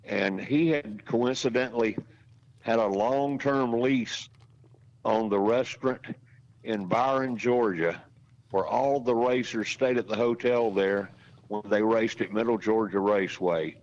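A man's voice: lowish voice, measured pace. A man in his sixties, a racetrack announcer, telling rambling, folksy stories as a podcast guest. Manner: folksy, rambling anecdotes with restarts. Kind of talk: casual storytelling in a podcast interview. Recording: dull lo-fi audio.

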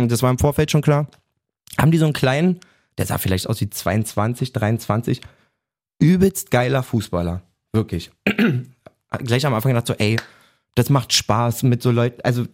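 A man in his thirties from Germany, chatting casually on a podcast, telling a story in slang and acting out quotes loudly. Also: mid-range voice, sing-song, moderate pace. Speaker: podcast host telling an anecdote.

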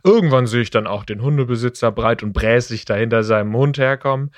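A man, telling an animated story in a casual podcast chat and jumping up in pitch when he quotes himself. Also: fast, no room sound. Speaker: podcast co-host.

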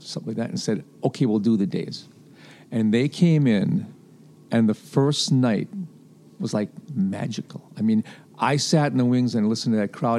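A man from a festival's booking team telling animated stories in an interview, acting out what people said. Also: medium pitch. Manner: animated anecdote teller, acts out quotes. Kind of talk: storytelling interview.

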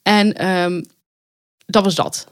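Dry, lowish-voiced woman telling a story. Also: slow pace, clean tone, no echo. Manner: animated storyteller. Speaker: podcast co-host. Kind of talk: casual chat.

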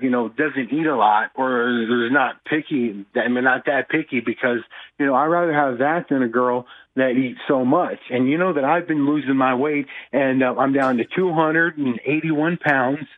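A man's voice: mid-range voice, moderate pace, dry recording. A man calling in to a radio show over a tinny phone line, chatting casually, rambling and stammering with frequent cussing. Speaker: caller. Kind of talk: casual radio call-in chat.

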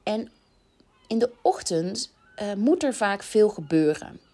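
A woman's voice: mid-range voice, sing-song, slow, dark tone. A woman in her thirties with a Dutch accent, hosting a podcast and giving casual advice in a chatty way, with many fillers and self-corrections. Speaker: podcast host.

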